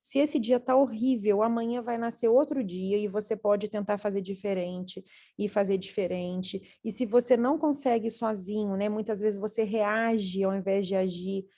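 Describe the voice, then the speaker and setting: A woman who is a parenting educator and mother, telling stories from home in an earnest, animated way. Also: medium pitch, normal speed. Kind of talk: casual conversation.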